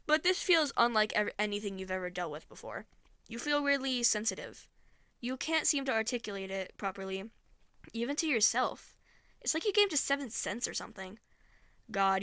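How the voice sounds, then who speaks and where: A woman's voice: on the high side, bright, forceful tone, no room sound. A woman narrating a second-person story in a dry, sarcastic, mocking way.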